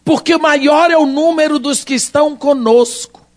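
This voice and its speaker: A man voicing a calm old male prophet, speaking low and unhurried.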